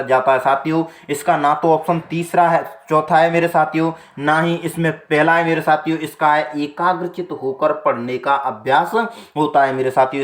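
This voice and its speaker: A male teacher running an exam-prep lesson, going through multiple-choice questions one by one. He keeps calling his listeners "my companions" and says each answer twice, slowly. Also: fairly high pitch, reverberant. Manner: repeats the answer twice, slow and deliberate.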